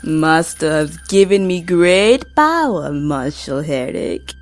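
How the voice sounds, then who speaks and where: Tituba, a gloating servant of Satan. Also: female voice, deep voice, lively intonation, takes it slowly, soft background music, full character voice. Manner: cold, gloating. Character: menacing woman servant of Satan. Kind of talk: radio drama acting.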